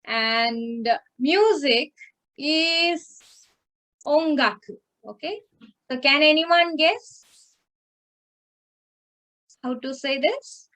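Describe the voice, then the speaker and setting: Slow, patient woman teaching online. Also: high-pitched, lively intonation, fairly bright tone. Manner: patient, repeats and checks with "okay?". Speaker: language teacher. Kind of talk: online class instruction. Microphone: video call.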